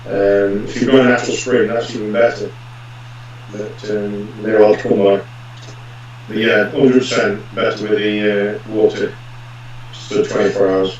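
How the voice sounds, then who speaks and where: A man's voice: fairly low pitch, flat delivery, measured pace. Man in a big echoing hall, distant. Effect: heavy echo, like talking in a big hall. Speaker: pigeon racing expert guest. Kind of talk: explaining on a live stream Q&A. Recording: very echoey, distant, dull lo-fi audio with faint ambience.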